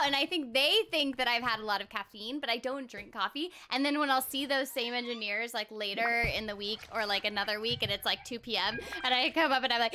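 Streaming over a game in a small indoor room, a young woman who works as a streamer and voice actor chats in a slightly high, pushed, bright voice. She's exuberant and playful, hamming up short quotes as she goes.

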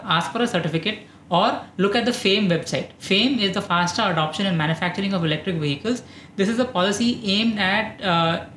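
Indian English male host, 30s, steady informative read, roomy room, slight hiss. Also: high-pitched. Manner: calm, informative, steady delivery. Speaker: EV channel host. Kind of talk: explainer talking to camera. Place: dark studio, indoors.

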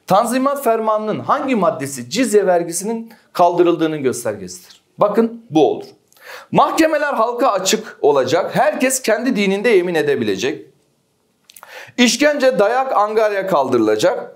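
Man, history teacher, animated delivery, slightly high voice, exam prep lecture. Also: normal speed. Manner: lively, asks the class questions and answers them himself.

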